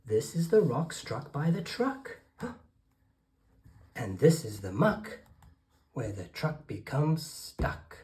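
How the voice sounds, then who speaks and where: Woman storyteller, picture book read-aloud, low voice, swooping pitch, expressive, gasps. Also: slow pace, long pauses. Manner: animated and expressive, with dramatic gasps. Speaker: storyteller for children.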